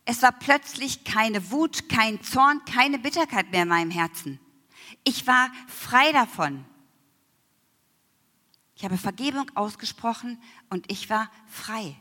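A woman giving a personal faith testimony, emotional, often slowing down and dropping to near whispers. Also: fairly high pitch, animated, pushed and bright. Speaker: church member giving testimony. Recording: long hall reverb.

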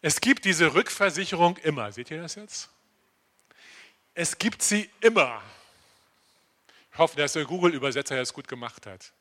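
An older man preaching a lively sermon to his congregation, often asking listeners directly whether they understand. He moves between loud, emphatic declarations and quiet asides, slowing down for key phrases. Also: on the high side. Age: around 60. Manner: animated, addresses listeners directly with frequent "verstehst du?". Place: church congregation.

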